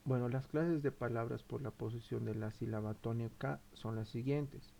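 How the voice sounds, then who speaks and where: Hesitant man with a gravelly voice. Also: mid-range voice, steady tone, normal speed, dark tone, a little hiss or hum. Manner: hesitant, frequent fillers and self-corrections. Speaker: presenter in a class presentation. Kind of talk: read-aloud school presentation.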